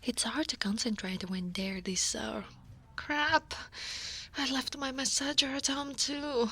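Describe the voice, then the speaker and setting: This ASMR roleplay features a woman from Italy, with an Italian accent, giving a full character voice to a weary, guarded female dragon office coworker. Her breathy voice sits high, and she takes it slowly in a soft, tired half-whisper near the mic.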